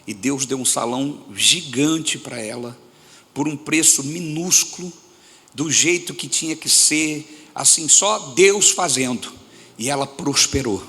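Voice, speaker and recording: A man with a Brazilian Portuguese accent preaching a sermon to his congregation in a church hall, animated and often throwing questions at the listeners. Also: medium pitch. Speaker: pastor.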